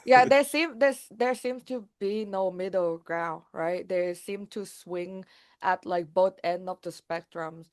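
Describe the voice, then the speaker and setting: A young woman from Thailand talks as a guest in a relaxed interview. Her speech is quick and lively and full of little fillers, at a middling pitch for a woman. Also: clean tone. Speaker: guest, founder. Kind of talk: casual interview talk.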